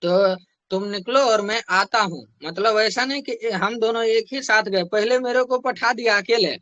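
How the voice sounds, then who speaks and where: A man's voice: high-pitched, moderate pace, bright, forceful tone, no echo, lo-fi sound. A young man telling a motivational story from his sales work in a chatty way, repeating phrases for emphasis. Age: young adult. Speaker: network marketing distributor.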